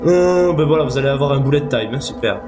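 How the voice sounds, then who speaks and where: A man's voice: mid-range voice, lively intonation, fast. A man giving casual, joking let's play commentary on a horror game, slangy and full of swearing, with a self-deprecating streak. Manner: crude, slangy, swears often. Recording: loud game music behind the voice. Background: horror game music.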